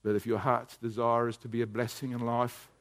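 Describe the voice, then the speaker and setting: A man preaching a sermon, urgently pleading with the congregation, rising to loud appeals and dropping to hushed warnings. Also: mid-range voice, level tone, brisk.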